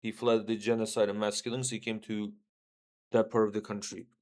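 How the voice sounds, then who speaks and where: A young man from Syria livestreams in a lowish, slightly mellow voice, talking briskly with little pitch movement. He's loose and blunt, swears, and regularly punctuates his points with "right?"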